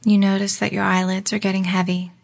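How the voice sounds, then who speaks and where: Lady reading a guided relaxation script, low-key whispery delivery, some vocal fry. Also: flat delivery. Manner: slow, soft, partly whispered delivery. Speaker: meditation guide.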